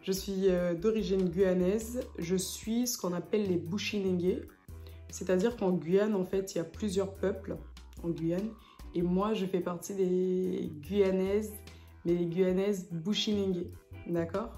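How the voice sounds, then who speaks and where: Slow-talking young woman vlogger, echoey room. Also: fairly low pitch, steady tone, mellow, faint music behind. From French Guiana. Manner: hesitant, many fillers. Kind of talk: casual talk to camera.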